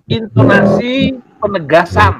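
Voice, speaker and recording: A man's voice: high-pitched, wildly swooping pitch, measured pace, vocal fry, a bit bright, poor audio. A man in a heated religious debate, scolding and combative.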